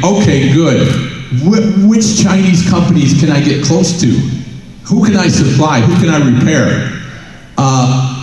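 Telling stories and asking rhetorical questions, a middle-aged man gives a conference keynote on stage with a headset mic. The large hall echoes a lot, and his voice sits on the high side with a darkish tone.

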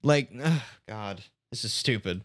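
A man's voice: fairly low pitch, lively intonation, unhurried, fairly bright tone, no room sound. Young guy streamer ranting, voice jumps all over, super dry close sound. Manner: exasperated, swearing, ranting. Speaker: streamer reacting to a video. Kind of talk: casual reaction commentary.

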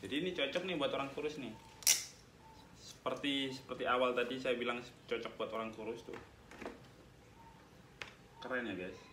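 With a medium-pitched, fairly even voice at normal speed, a young man reviewing a helmet on his motovlog leaves long pauses while pulling it apart. He keeps things chatty, calling his audience "guys." The sound is echoey and noisy, captured by a far-off mic in a small tiled room indoors.

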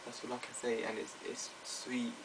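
Young guy reviewer, pipe at his lips, monotone ramble, heard from across the room. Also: medium pitch, moderate pace. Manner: rambling, repeats words, many fillers. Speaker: shisha reviewer. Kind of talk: casual product review. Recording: distant mic with hiss.

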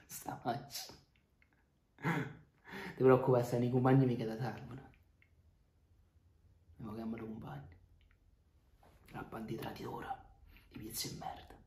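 A man acts out a scheming, streetwise Neapolitan guy in his twenties in a dramatic monologue. His mid-range voice is conversational and menacing, swinging from low muttering to sudden outbursts. It rings with the echo of a bare room. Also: level tone, unhurried, long pauses, mellow, slight background noise, close to an everyday voice. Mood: insistent, threatening. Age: 20s. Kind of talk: acted dramatic monologue in dialect. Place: small bare room indoors.

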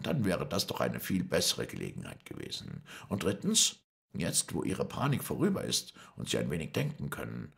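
A man's voice: rumbling low, gravelly, fairly bright tone, exaggerated voice. A man reading an audiobook, voicing a cold, commanding older male scientist who speaks firmly and persuasively. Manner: firm, measured, persuasive. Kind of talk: audiobook character voice.

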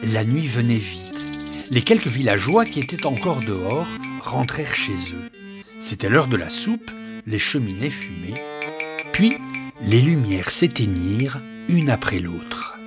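A man narrating a children's story in an expressive, lively storytelling manner that turns hushed in the calm passages. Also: medium pitch, measured pace, over music.

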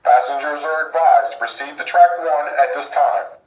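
A man delivers train station loudspeaker announcements in a formal, measured way, his voice sitting a little high. The playback comes from a model train's sound unit and rings with echo, as if heard across a station hall. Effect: train station loudspeaker announcement played from a model train's sound unit. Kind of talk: formal public address announcement.

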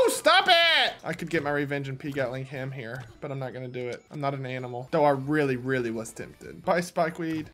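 A man giving casual, jokey commentary on his own gameplay, often breaking into loud yells at opponents. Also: on the high side. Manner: excitable, yells at opponents, jokey self-talk. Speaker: gaming video host.

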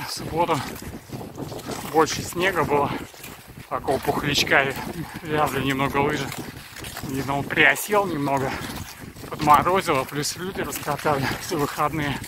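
A man films his own ski training with an action camera while gliding along a snowy forest trail, chatting casually and rambling, stopping now and then to catch his breath. His voice sits a little high and stays steady. Wind rushes past the mic, leaving wind noise all over the recording.

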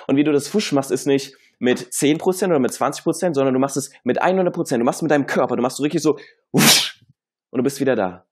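A man of middle pitch talks as a motivational coach on a podcast. He is energetic and emphatic, and he mixes English catchphrases into his advice. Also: fast, hardly any pauses, breathy edge. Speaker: coach, interview guest.

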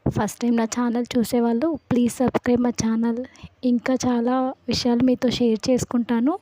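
A woman's voice: on the high side, completely flat delivery, moderate pace, dark tone, dry recording, poor audio. A woman vlogger, casually recalling college memories and laughing as she talks. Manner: giggly, laughing while recalling. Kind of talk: casual storytelling to camera.

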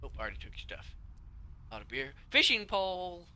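A man's voice: high-pitched, sing-song, fast, bright, forceful tone. A man casually commenting while playing a video game, chatting to the characters on screen and breaking into sudden yelps and whispers. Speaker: let's play gamer.

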